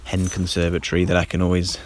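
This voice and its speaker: A man's voice: low voice, monotone, fast talker, slight background noise. A man hosting a casual solo podcast, rambling with many ums and restarts, recorded on a handheld dictaphone in a damp garden in light rain. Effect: handheld dictaphone recording outdoors. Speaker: podcast host. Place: damp garden outdoors in light rain, then a covered shelter.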